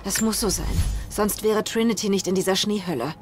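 A woman's voice: medium pitch, brisk, close to an everyday voice. An actress playing a determined, lonely young woman adventurer in a video game, urging herself on in intense short phrases. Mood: pained, resolute. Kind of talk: dramatic video game acting. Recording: loud game music behind.

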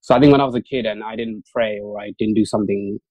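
A young junior doctor whose first language is Urdu talks casually as an interview guest, speaking fast and chatty with lots of fillers and restarts. His voice is fairly low and steady, and the recording is lo-fi with no echo.

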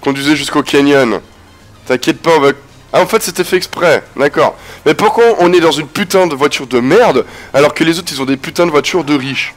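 A man with a head cold commentating a video game casually, swearing, laughing and yelling at the action. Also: a little high, brisk, faint music behind. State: has a cold, stuffy. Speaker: gameplay commentator. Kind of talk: casual let's-play commentary.

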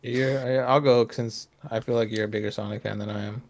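A man's voice: fairly low pitch, steady tone, fairly quick, darkish tone. A man co-hosting a casual group reaction podcast, blunt and mocking with plenty of profanity. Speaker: podcast co-host.

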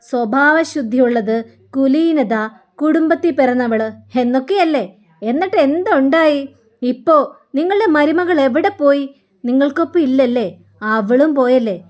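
A woman's voice: sits high, close to an everyday voice. Woman voicing Rachana, a spiteful schemer. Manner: taunting, slow and cutting. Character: spiteful scheming young woman taunting her mother-in-law.

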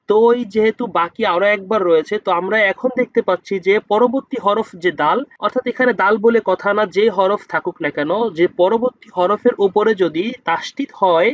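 A man with a high voice gives a patient spelling lesson in Quran reading. He breaks each word into letters and vowel marks, then draws out the full word slowly. The sound is close and dry, with dull, slightly lo-fi quality. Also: no echo.

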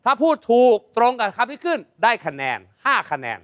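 A man hosting a TV game show, playful and loud, explaining the rules with bursts of shouting. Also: extremely high pitch, very animated, a little fast. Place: TV studio with audience.

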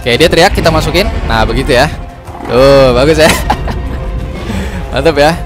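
A young man with a slightly high voice gives relaxed, chatty gameplay commentary, talking straight to his viewers. He rambles, apologizes quickly when he slips, and keeps the tone light. Background music plays clearly under his voice. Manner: chatty, says guys constantly, quick apologies and laughs at his own slips. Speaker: gaming channel host. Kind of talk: casual gameplay tutorial commentary.

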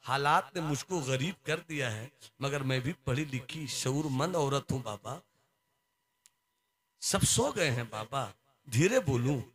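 A man's voice: medium pitch, animated, takes it slowly. Man doing an earnest poor woman. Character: poor, educated woman waiting up at night.

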